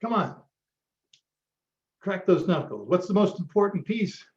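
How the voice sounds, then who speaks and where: A man's voice: sits high, very animated, unhurried, a little mellow. A man hosting a live online marketing workshop, giving a motivational pep talk with frequent ums. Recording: roomy, dull lo-fi sound.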